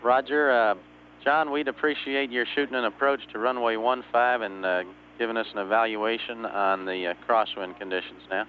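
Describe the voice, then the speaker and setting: A man's voice: medium pitch, fairly even intonation, moderate pace. Male mission controller on narrow, noisy radio. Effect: radio transmission. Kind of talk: terse procedural radio calls, over walkie talkie. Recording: narrow-band walkie-talkie radio, hum and beeps.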